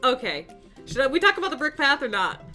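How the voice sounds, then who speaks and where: A woman's voice: sits high, big pitch swings, quick pace, sharp tone, soft background music. A young woman hosting a casual chat, reacting to her own old art with lots of giggles and disbelieving exclamations. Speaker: YouTube artist host.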